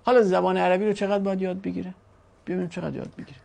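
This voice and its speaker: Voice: mid-range voice, flat delivery, gravelly, dark tone. A language teacher giving a chatty classroom lecture, asking rhetorical questions and joking with the students.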